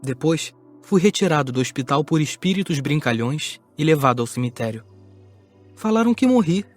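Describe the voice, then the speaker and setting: Give me a man playing a reflective former atheist, slightly high-voiced, over quiet music. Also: expressive, normal speed, lightly acted. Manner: sober, reflective telling. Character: former atheist man recalling his death. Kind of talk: audiobook drama acting.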